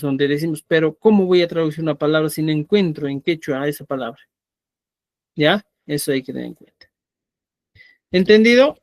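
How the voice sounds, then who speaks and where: A man with a high voice teaches a live online Quechua class, explaining patiently and checking on his students with a frequent "¿ya?". The recording is dry and clean, with studio sound.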